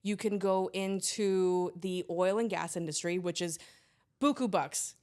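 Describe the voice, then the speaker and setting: A woman's voice: lowish voice, measured pace, darkish tone. A young woman from Trinidad, a geologist guest telling her story in a chatty, filler-heavy way. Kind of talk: casual interview chat.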